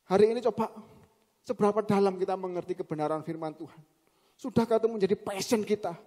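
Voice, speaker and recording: A middle-aged man preaching a sermon in a church, animated, swinging from loud emphatic bursts to quiet recitation. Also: high-pitched, fast talker. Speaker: pastor. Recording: long reverb of a big hall.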